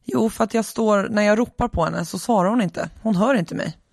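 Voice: mid-range voice, vocal fry, no room sound, studio quality, pitched above the performer's own voice. The podcaster voicing a worried older husband who complains to his doctor about his wife.

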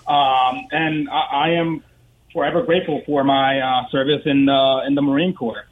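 A man in his thirties from the Dominican Republic, co-founder of a parade, calls in to a radio show for a phone interview, speaking with many fillers and restarts. His mid-range voice keeps fairly even intonation at a moderate pace over a tinny phone line with a little hiss or hum.

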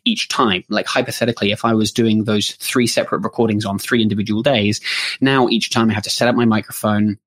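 A New Zealand man co-hosting a casual conversational podcast explains things, often restarting and dropping in "sort of" fillers. His voice is on the low side and fast, with fairly even intonation and a fairly bright tone, captured on a studio podcast microphone.

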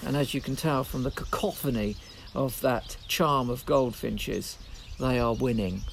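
Male guest, gravelly voice, casual and halting. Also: mid-range voice, a little hiss or hum. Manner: halting, repeats words. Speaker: guest birdwatcher. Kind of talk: casual chat.

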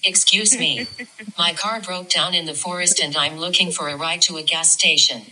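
A computer text-to-speech voice of a woman stranded on the road, flat and synthetic, played back as an audio clip from a distance. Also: lowish voice, moderate pace. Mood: deadpan. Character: stranded female driver asking for a ride.

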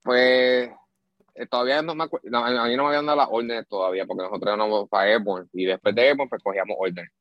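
A man's voice: mid-range voice, fast, dry recording, muffled recording. A young Puerto Rican man, an army sergeant, telling stories in a casual interview with a Puerto Rican Spanish accent. He acts out the voices of the people in his stories and drops English phrases into his talk. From Puerto Rico. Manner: animated storyteller, mixes English phrases, acts out quoted voices. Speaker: guest, army supply sergeant.

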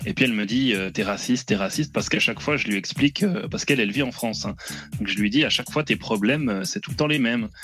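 A man's voice: mid-range voice, fast, fairly bright tone, faint music behind. A man on a casual live-stream chat, telling anecdotes with dry, provocative banter.

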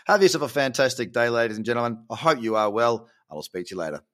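A man's voice: medium pitch, lively intonation, fast talker, a bit bright. A man, casually running through a market update, chatty and encouraging, and often correcting himself mid-sentence. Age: 30s. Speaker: crypto market vlogger.

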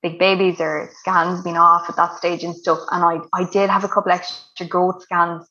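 A woman's voice: on the low side, level tone, normal speed, sharp tone, highs cut off. A woman with a west of Ireland accent telling her own story casually as an interview guest, chatty and emphatic, repeating words to stress them.

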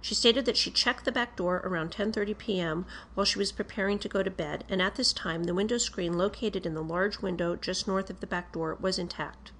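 A woman with a medium-pitched voice reads a written police report aloud. Her delivery is formal and procedural. She keeps a measured, matter-of-fact manner throughout. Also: a bit bright, slight background noise.

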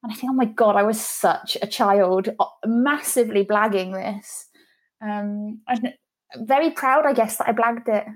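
A woman in her thirties with a medium-pitched voice speaks a little slowly as a guest in a casual interview. She chats candidly about running her own PR business, frequently restarting her sentences.

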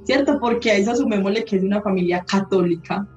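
A woman's voice: medium pitch, fast, darkish tone. A woman, a holistic therapist, talking in a candid podcast chat and swearing casually as she tells stories. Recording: roomy, slightly dull sound, faint music.

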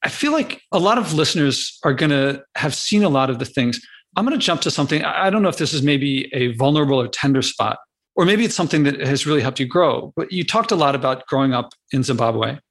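A man's voice: mid-range voice, lively intonation, quick pace, a bit bright. A man hosting an interview, asking hesitant, rambling questions. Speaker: podcast host. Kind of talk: interview conversation.

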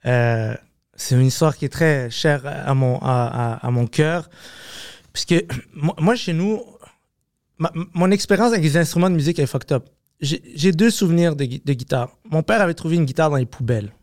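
A man with a Québécois French accent, a comedian talking as a podcast guest, animated, swearing often and slipping into English. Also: fairly high pitch, moderate pace, no room sound, studio quality. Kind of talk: casual podcast conversation.

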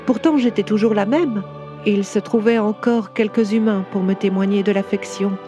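A woman voicing an ancient, proud and gentle female cathedral that tells its own story in a tender, confiding way, for a storybook audio drama. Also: medium pitch, steady tone, moderate pace, over music, close to an everyday voice. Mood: wistful.

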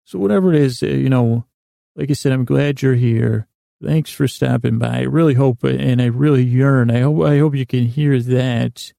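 A podcast host rambles through a meandering bedtime monologue meant to help listeners fall asleep, stammering and repeating words along the way. His medium-pitched voice is warm, gravelly and creaky, moving at a moderate pace. The recording is dry and studio quality.

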